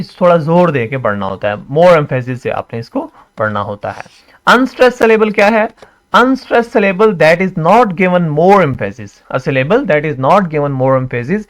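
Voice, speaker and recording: A man teaching English pronunciation, repeating example words slowly and asking and answering his own questions. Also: on the high side. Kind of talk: classroom explanation.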